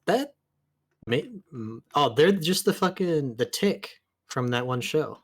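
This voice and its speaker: A man's voice: a little high, animated, slow pace. A man riffing and rambling casually about a fantasy world on a live stream, swearing freely. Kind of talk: casual chat.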